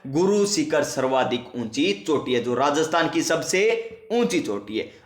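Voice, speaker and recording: A man's voice: a little high, big pitch swings, unhurried, echoey room. A male teacher giving an exam-prep geography lesson, asking and answering his own questions and repeating key facts. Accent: Rajasthani.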